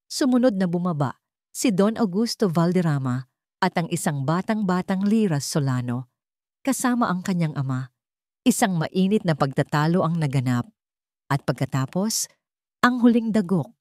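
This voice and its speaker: A woman's voice: fairly low pitch, a little mellow, no echo, studio quality. A woman with a Filipino accent reading a scripted romance drama as a story narrator.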